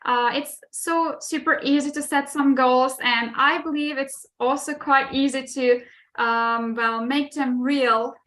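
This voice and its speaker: A woman's voice: high-pitched, steady tone, a little slow, a bit bright. A woman English teacher co-hosting a live online class over a video call, speaking hesitantly and often searching for words.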